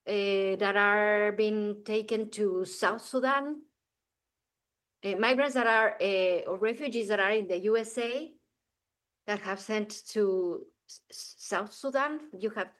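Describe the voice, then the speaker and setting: A woman's voice: medium pitch, measured pace, fairly bright tone. A woman journalist at a press briefing who asks questions hesitantly, searching for words.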